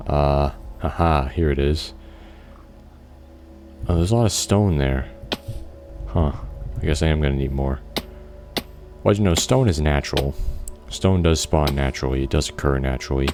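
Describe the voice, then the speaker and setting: Very deep-voiced man rambling over gameplay. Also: a little mellow. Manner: rambling, thinks aloud, frequent restarts and fillers; occasional casual swearing. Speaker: gameplay video creator. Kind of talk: casual gameplay commentary.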